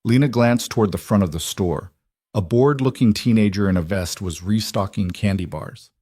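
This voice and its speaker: A man narrates a scripted story in a measured, even delivery. His voice is low, and the recording is dry and close with no room sound. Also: slightly rough, no echo.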